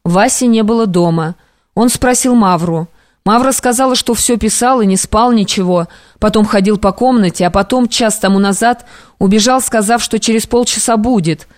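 A woman's voice: medium pitch, moderate pace, no echo, clean studio sound. Woman reading a classic novella aloud. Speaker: audiobook narrator. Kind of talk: scripted narration of classic prose.

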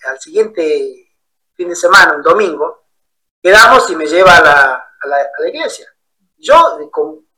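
A man preaching in a sermon-style Bible study, telling stories in an animated way. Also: sits high, poor audio. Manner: animated storyteller acting out quoted voices.

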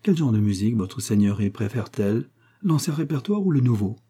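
A man voicing a shy, earnest young woman who speaks softly. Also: medium pitch, very animated, brisk, breathy edge. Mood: polite.

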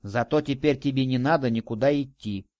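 A man voicing a quiet, stubborn and evasive boy in an audiobook. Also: medium pitch, a little fast, no room sound, close to an everyday voice. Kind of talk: audiobook dialogue.

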